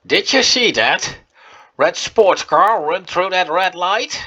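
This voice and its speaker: A man's voice: high voice, animated, slow pace, bright, forceful tone, muffled recording. A man giving casual let's-play commentary on an old adventure game, reading its text aloud between chatty asides full of fillers. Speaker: gameplay commentator.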